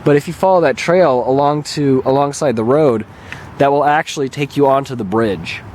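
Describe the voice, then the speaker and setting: A slightly hoarse, raspy-voiced man vlogs outdoors on an open lakeshore beach, holding the camera himself as his throat recovers. He's a video channel host and gamer whose casual, rambling talk comes at a moderate pace and medium pitch, slightly mellow, with a little hiss or hum.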